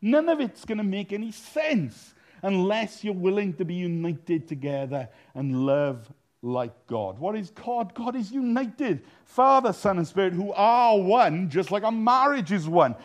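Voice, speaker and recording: Guy preaching a sermon, bouncy lively voice, kinda high, blunt and teasing. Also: measured pace. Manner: animated, blunt, teasing preaching with sudden loud bursts. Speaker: minister.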